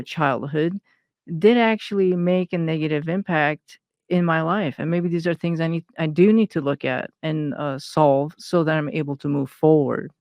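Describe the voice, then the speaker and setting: Interview guest: woman from Iran, hesitant delivery, smooth tone, dry close recording. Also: low voice, a little mellow, no room sound. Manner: hesitant, many fillers and restarts. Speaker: guest, intuitive consultant. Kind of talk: personal interview talk.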